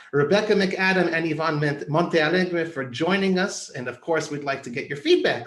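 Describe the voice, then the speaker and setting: A man's voice: fairly high pitch, a bit bright. A man hosting a panel talk show over a remote video call, polite and upbeat as he thanks the guests and closes. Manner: upbeat, polite wrap-up delivery. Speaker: show host. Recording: roomy echo.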